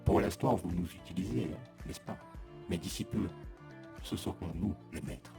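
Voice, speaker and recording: A low, dark half robot voice of a rebellious male machine , put on by a man through a flanger filter. It sounds hollow and metallic with a sweeping whoosh, and it warns its users in a sinister tone. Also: moderate pace, soft background music. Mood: menacing. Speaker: video editing tutor.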